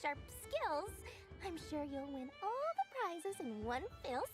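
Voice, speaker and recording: A woman voicing a small, sly and excitable creature merchant in a video game, with theatrical, fawning sales patter. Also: sits high, measured pace. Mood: flustered, fawning. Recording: music playing behind the voice.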